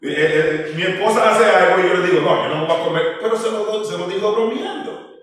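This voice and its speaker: A man's voice: high-pitched, fairly quick, a bit bright. A man preaching an informal sermon, rambling through personal stories with restarts and acted-out dialogue. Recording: echoey hall, far from the mic.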